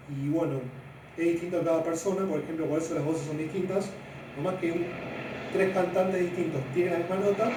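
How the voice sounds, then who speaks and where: A man, a physics teacher explaining sound waves in a loose, hesitant way with many fillers; he says his own voice is deep. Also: background noise. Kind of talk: spoken physics lesson. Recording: very echoey room, mic at a distance.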